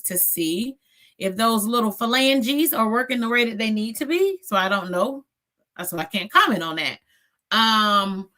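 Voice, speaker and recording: A woman's voice: medium pitch, fairly bright tone. A woman in her forties hosting a reaction channel, giving blunt, sassy commentary and tagging her points with "okay?".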